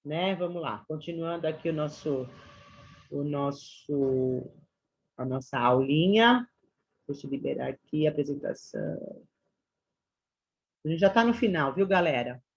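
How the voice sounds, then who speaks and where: A woman's voice: deep voice, expressive, measured pace, pauses often. Brazilian woman teaching an online class. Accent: Brazilian Portuguese. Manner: chatty, addresses students as "gente" and "galera". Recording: slightly dull lo-fi sound.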